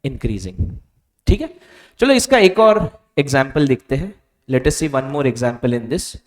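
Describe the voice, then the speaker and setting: A male physics teacher giving a board lecture, asking questions and quietly answering them himself. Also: mid-range voice, sing-song, a little slow. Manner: stretches out key answer words softly. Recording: reverberant room.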